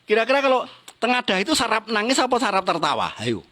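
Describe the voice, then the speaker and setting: A middle-aged man leads a motivational seminar. His voice sits high, and he keeps firing questions at the audience and chuckling at his own points. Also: quick pace. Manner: lively, teasing the audience with questions and laughing. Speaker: business motivational trainer.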